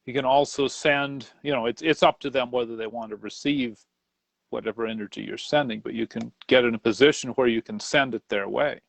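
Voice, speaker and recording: A man with a gravelly, creaky voice at a middle pitch speaks haltingly, restarting and searching for his words. The recording is dry and close. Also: steady tone, no echo. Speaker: co-host. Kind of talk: casual spiritual discussion.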